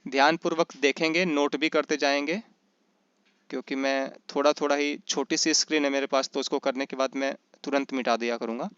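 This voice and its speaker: A man teaching Sanskrit in an online class, asking questions and answering them himself, and slowly chanting grammar rules. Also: mid-range voice, steady tone, a bit bright, smooth, no echo, lo-fi sound. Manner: often checks in with "is that right?". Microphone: computer mic in an online class.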